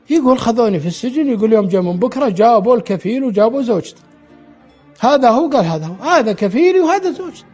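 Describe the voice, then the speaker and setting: A man's voice: very high-pitched, a little mellow, slightly rough. A man telling a true story aloud, relaying the dialogue in quotes and often restarting his words. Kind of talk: spoken storytelling.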